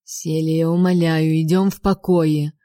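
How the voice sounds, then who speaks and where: Woman voicing a seething duke for an audiobook, clipped and tight, low mellow tone. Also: normal speed, no room sound, studio quality, close to an everyday voice. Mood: restrained anger. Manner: clipped, hissing through held-back anger. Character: restrained, furious nobleman duke, man.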